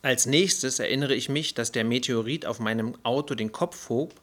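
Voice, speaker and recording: A man reading a first-person audiobook story in an even, measured way. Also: mid-range voice. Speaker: audiobook narrator. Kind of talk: first-person scripted narration.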